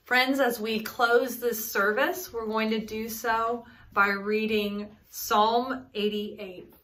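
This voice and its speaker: A woman in her thirties, a pastor, leading prayer and reading scripture in a solemn, measured way from a small room at home. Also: on the high side, little pitch movement, fairly bright tone. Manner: solemn, measured liturgical delivery.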